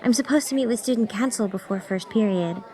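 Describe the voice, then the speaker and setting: A woman voicing a polite, busy teenage schoolgirl who sounds sweet and soft-spoken. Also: fairly high pitch, fairly quick, lightly acted. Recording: voice over background music.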